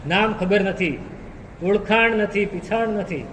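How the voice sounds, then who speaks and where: A man's voice: high-pitched, unhurried, fairly bright tone, a little hiss or hum. A man preaching a sermon, telling a story and repeating key phrases for emphasis. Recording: echoey hall reverb.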